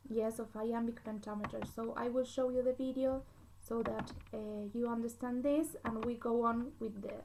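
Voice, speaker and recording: A woman with an Argentine Spanish accent giving a literature lecture, patient and repetitive, often checking understanding with a quick "yes?". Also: a little high, background noise. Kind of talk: classroom lecture.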